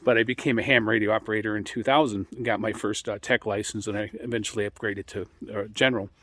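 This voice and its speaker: A middle-aged American man giving an informal, rambling explanation as a radio hobbyist, speaking in a halting way. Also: on the low side, fairly even intonation, a bit bright, no echo. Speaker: amateur radio hobbyist hosting an introductory video.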